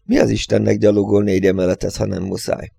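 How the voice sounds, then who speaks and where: A man's voice: fairly low pitch, little pitch movement, vocal fry, dark tone, husky, no room sound, clean studio sound, full character voice. A man voicing an eager, blustery male puzzle solver in a storybook reading.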